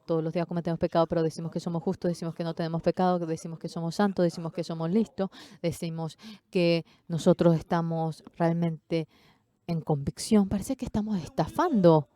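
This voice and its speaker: A woman interpreting a Sunday sermon, delivering it emphatically and pushing her voice up high on the key phrases. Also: fairly even intonation, brisk, dark tone. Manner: emphatic, with pitch rising sharply on key phrases.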